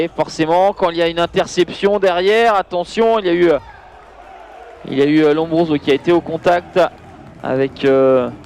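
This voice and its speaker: A man with a high-pitched voice calls handball highlights as a live commentator. His delivery is excitable and surges when the play heats up. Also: slight background noise. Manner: excitable, voice surging on big plays. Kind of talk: live sports commentary over match highlights.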